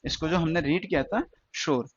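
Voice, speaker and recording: Male shorthand tutor, slightly high-pitched, steady repetitive classroom delivery, muffled lo-fi audio. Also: a little hiss or hum. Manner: slow, repetitive explaining with questions to students. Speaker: stenography teacher. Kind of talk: classroom lesson.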